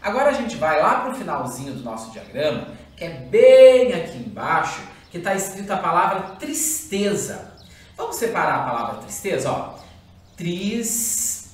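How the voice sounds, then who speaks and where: Lively woman teacher, roomy and distant. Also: lowish voice. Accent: Brazilian Portuguese. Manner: lively, drawn-out classroom explaining. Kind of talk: recorded online lesson for schoolchildren. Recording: roomy echo, far from the mic.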